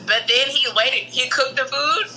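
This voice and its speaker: A young woman chatting casually, telling a funny story in an animated, slangy way and often breaking into laughter. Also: sits high, normal speed, a little hiss or hum, poor audio.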